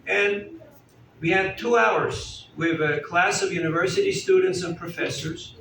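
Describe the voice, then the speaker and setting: Measured in pace, his high voice has a bit of brightness. The man is a spiritual teacher delivering a conversational sermon at a festival's indoor hall, regularly asking the audience questions and joking. Echo and faint room noise come through the distant mic.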